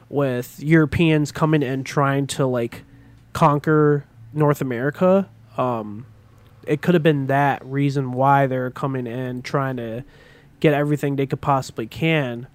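A man's voice: medium pitch, fairly even intonation, unhurried, no echo. Rambling man, dry close sound. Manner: rambling, with many fillers and profanity. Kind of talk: casual chat.

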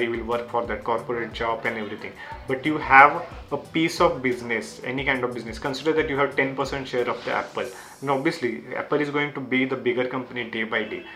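A man's voice: mid-range voice, bright, forceful tone. A young man, a native Marathi speaker with an Indian accent, shares self-help lessons with viewers in earnest non-native English, using simple, repeated phrasing. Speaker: YouTube creator sharing book lessons.

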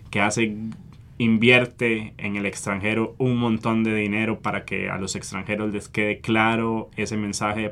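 A man with a Costa Rican Spanish accent, an environmental activist answering interview questions earnestly, often pausing with fillers. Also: fairly low pitch, a bit bright. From Costa Rica. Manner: earnest, hesitant with frequent fillers.

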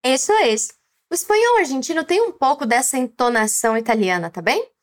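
A woman's voice: high-pitched, lively intonation, a little fast. A woman with a Brazilian Portuguese accent hosting a language lesson podcast, encouraging the listener to repeat after her. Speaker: Spanish teacher and podcast host.

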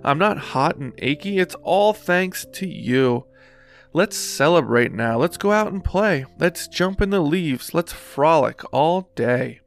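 A man voicing a big, gentle bear in a children's picture book, in a soft storybook way. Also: fairly high pitch, animated, slow. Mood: overjoyed. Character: big gentle bear, sick then caring.

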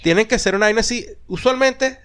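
A man chats casually on a podcast, his voice sitting notably high. He tells stories with animation and acts out the voices he quotes. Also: a little fast, a bit bright, clear, resonant tone. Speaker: podcast co-host. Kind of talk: casual chat.

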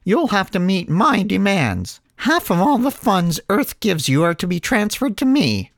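A man's voice: high-pitched, big pitch swings, measured pace, no room sound, clean studio sound, voice pushed up, heavily acted. A man voicing a scheming Martian spy in a comic audiobook, sly and sneering. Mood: bitter.

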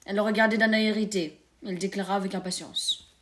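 A woman's voice: medium pitch, slight background noise. Woman reading a classic story aloud. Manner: measured, expressive storytelling. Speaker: narrator.

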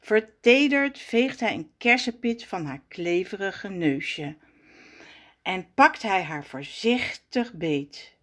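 A woman reading a children's storybook aloud with slow, expressive delivery. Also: mid-range voice.

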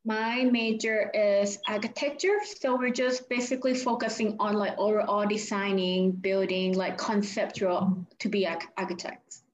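A young woman from Thailand, speaking English with a Thai accent as an interview guest. She talks casually and haltingly, restarting sentences and leaning on "like." The recording is echoey and a little muffled. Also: medium pitch, steady tone. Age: 20s. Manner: halting, many "like" fillers and restarts. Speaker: guest, architecture graduate student.

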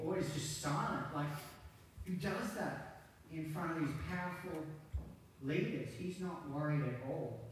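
Man preaching in an echoey hall. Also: on the high side. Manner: conversational preaching with rhetorical questions. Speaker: pastor. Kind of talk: Good Friday sermon. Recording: very echoey hall, distant mic, faint noise.

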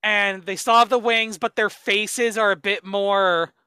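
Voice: medium pitch, steady tone, bright, forceful tone, a little hiss or hum. A podcast co-host in casual chat who rambles with lots of "like" and laughs easily. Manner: rambling, full of "like", quick to laugh.

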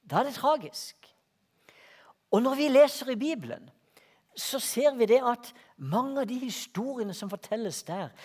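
A man from Norway, preaching a sermon in a church hall, moving between slow emphatic lines and quicker asides as he tells stories. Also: extremely high pitch. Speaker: pastor.

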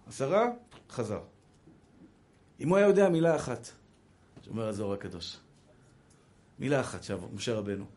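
A man's voice: mid-range voice, sing-song, pauses often, a little mellow. A man with an Israeli Hebrew accent, a rabbi giving a sermon, animatedly acting out quoted dialogue and calling his listeners brothers.

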